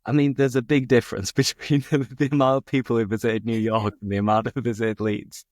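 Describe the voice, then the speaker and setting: A British podcast host and English teacher from England asks easygoing, curious questions in a casual conversation. He speaks briskly with a flat, slightly mellow mid-range voice, recorded dry in clean studio sound.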